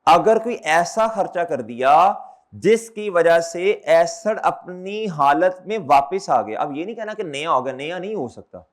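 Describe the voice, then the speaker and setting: High-voiced male accountancy teacher lecturing. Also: expressive, unhurried. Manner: repeats questions back to students; calls students brother and children. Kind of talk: classroom lecture.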